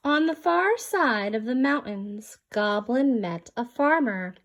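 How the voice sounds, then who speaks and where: High-voiced, unhurried woman reading a story. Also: animated. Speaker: storybook reader. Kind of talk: expressive children's story narration.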